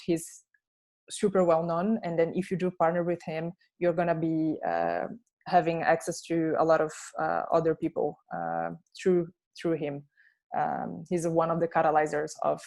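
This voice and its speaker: Low-voiced woman researcher, hesitant. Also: dark tone. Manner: thoughtful, many filler uh sounds. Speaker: researcher presenting findings. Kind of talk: online panel answers. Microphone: video call.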